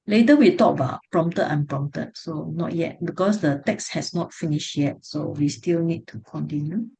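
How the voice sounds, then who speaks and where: A woman's voice: low-pitched, normal speed, gravelly, dark tone, slightly rough, low-quality recording. A woman with a Singaporean or Malaysian English accent teaches an online class, explaining step by step in colloquial Singlish and checking that students follow. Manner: colloquial Singlish phrasing with tag words like "ah". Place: online video call class.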